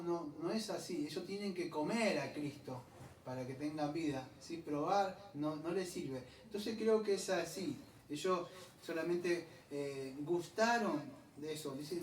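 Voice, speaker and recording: Chatty pastor. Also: male voice, on the high side. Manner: chatty, digressive, explains Greek words slowly. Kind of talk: conversational sermon. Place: church hall. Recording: echoey room, distant mic, faint ambient noise.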